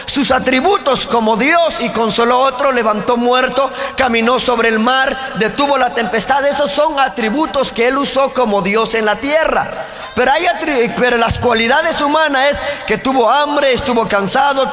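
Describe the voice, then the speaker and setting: A man's voice: very high-pitched, moderate pace, pushed and bright, long reverb tail, faint music behind. A man preaching a sermon as pastor, asking the congregation questions and driving his points home. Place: church.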